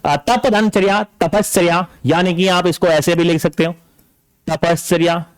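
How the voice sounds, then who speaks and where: A man's voice: high-pitched, fairly even intonation, measured pace, clear, resonant tone, dry recording. A man teaching an exam-prep grammar lesson, stating a rule and then going back over it again and again, with frequent checks like "okay?". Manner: explains a rule, then repeats it with checks like "ठीक है ना".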